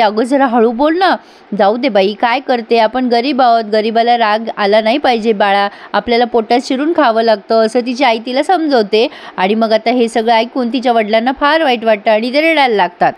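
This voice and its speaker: A woman narrating a recap of a TV serial episode, acting out each character's lines with lively emphasis. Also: fairly high pitch. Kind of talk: voice-over recap acting out dialogue.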